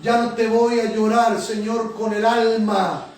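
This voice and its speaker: A male preacher with a high voice delivers a sermon and prayer in a church sanctuary, captured at a distance amid heavy echo. He is a pastor and prophet whose level tone and measured pace frame his fervent repetition of "Señor" and "Padre," while soft music plays.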